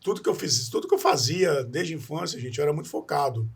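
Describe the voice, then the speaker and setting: Expressive and quick-paced, the man's husky, higher voice carries his personal story as a podcast interview guest. He comes from Espírito Santo, Brazil, and his manner is earnest and rambling, with frequent restarts and a questioning aside tagged onto many phrases.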